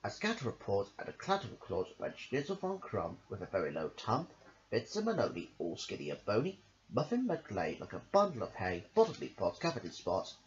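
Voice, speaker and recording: An amateur storybook reader, a man with a lowish voice, reads rhyming children's stories fairly quickly, his pitch swooping wildly. He uses a rhythmic sing-song style and draws out phrase endings. The recording is dull and lo-fi with faint noise.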